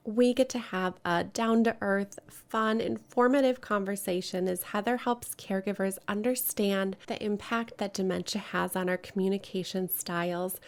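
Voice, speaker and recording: A woman, introducing and interviewing a guest as a podcast host. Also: mid-range voice.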